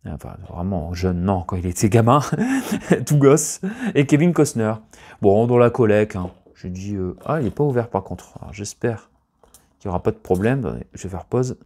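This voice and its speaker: A man in casual unboxing chat as a collector vlogger, rambling and chatty, often searching for words, with bursts of excited emphasis. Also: lowish voice, normal speed.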